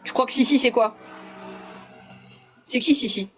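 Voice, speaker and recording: A woman's voice: on the high side, measured pace, a little hiss or hum. A woman hosting a casual live chat, talking bluntly and sarcastically, dropping Arabic phrases into her speech. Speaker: livestream host.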